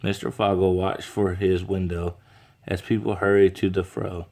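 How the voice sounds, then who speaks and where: A man's voice: low voice, level tone, moderate pace, gravelly, a little mellow. A man reading a children's picture book aloud, now and then stumbling and restarting over words. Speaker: reader.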